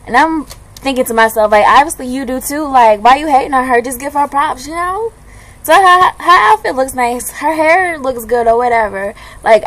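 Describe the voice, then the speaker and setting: Animated ranting young woman, bit high. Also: low-quality recording. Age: 20s. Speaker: vlogger. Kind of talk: casual chat.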